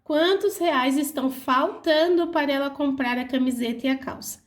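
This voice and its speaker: A young adult woman teacher with a Brazilian Portuguese accent, slowly and clearly explaining workbook answers to her pupils. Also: high-pitched. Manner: slow, clear, didactic, spelling out syllables. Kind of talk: reading and explaining a school workbook.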